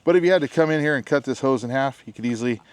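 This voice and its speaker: Out in the backyard, a knife reviewer with a head cold rattles off a casual demo at rapid-fire speed. The middle-aged man's medium-pitched voice is clear and resonant with no room sound, and he keeps joking, saying "guys" and "bam" often.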